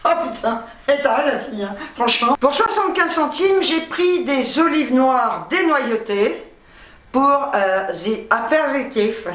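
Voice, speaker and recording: A woman's voice: high voice, lively intonation, measured pace, a bit bright, recorded from a distance. A woman vlogger chatting casually through her shopping haul, blunt and cheerfully profane. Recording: roomy, from off-mic.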